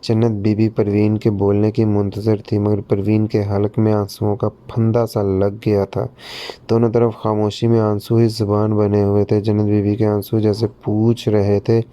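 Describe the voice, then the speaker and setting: A man narrating a romantic novel as a steady, scripted audiobook reading. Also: lowish voice, a little slow.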